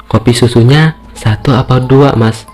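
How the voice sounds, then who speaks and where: Knowing older stall keeper played by a man storyteller, calm and matter-of-fact, horror tale with soft music. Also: medium pitch, moderate pace, close to an everyday voice. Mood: polite. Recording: music playing behind the voice.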